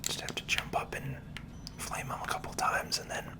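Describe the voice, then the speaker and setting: Whispering breathily, this gaming video host narrates gameplay at a gentle, relaxed pace in ASMR style, describing each move as it happens.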